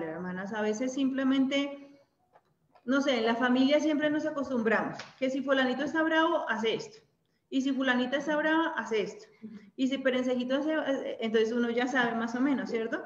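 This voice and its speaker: A woman with a Colombian accent leading a women's Bible study, speaking conversationally and often checking in with her listeners. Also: high-pitched. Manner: conversational, ends points with tag questions. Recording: echoey room, dull lo-fi sound.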